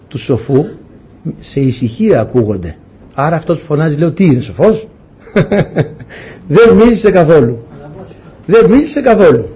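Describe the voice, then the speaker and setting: A preacher with a husky, slightly high voice speaks to his congregation. His sermon is conversational, and he acts out the people in his anecdotes. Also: warm tone.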